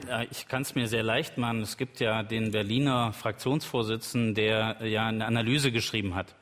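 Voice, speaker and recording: A man's voice: on the low side, steady tone, moderate pace, a bit bright, a faint crowd. A man politician arguing assertively in a televised panel debate, with some hesitation sounds. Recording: hall with long reverb.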